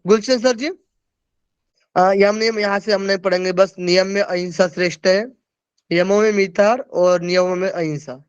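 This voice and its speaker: A man teaches yoga over a video call, working through verse after verse and checking that his students follow. His voice sits high and sounds smooth and clear, close and dry. The call audio is dull and lo-fi. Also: fairly even intonation, moderate pace, no echo. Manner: explains verses, checking in with listeners. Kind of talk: online class lecture.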